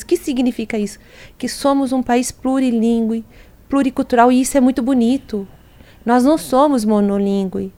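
Woman educator, higher mellow voice, patient explainer with examples, interview guest. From Brazil. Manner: explanatory, walks through word examples. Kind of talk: interview talk.

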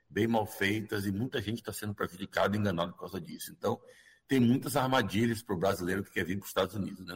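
Brazilian guy, lowish raspy voice, explaining stuff in an interview, keeps tagging on little agreement questions. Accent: Brazilian Portuguese.

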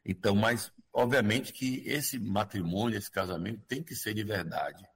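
A man's voice: fairly low pitch, moderate pace, slightly rough. A man with a Brazilian Portuguese accent explaining things as a guest expert in an interview, often checking for agreement in a conversational way.

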